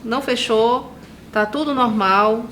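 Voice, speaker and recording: A woman's voice: on the high side, slow pace, a bit bright, slight background noise. A woman hosting a podcast interview, encouraging her guest with frequent agreeing fillers.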